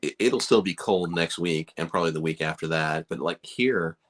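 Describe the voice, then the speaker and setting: Speaking at a moderate pace in a deep voice, a middle-aged beard company owner from Chicago talks casually to his livestream audience. He wanders from point to point, pokes fun at himself, and leans heavily on filler words.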